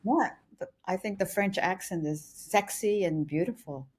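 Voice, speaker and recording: A woman co-hosts a podcast in casual conversation. Her voice sits at an ordinary middle pitch. She speaks eagerly and often restarts her sentences. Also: moderate pace, slightly rough. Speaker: podcast co-host. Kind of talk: casual chat.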